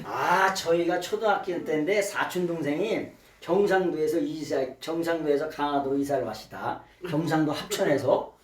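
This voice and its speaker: A man's voice: fairly high pitch, normal speed, few pauses. A male pastor preaching a Bible study sermon, acting out dialogue and often prompting the congregation with questions. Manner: animated, acts out dialogue, keeps asking "예?". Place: church sanctuary. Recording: echoey room, mic from far, faint noise.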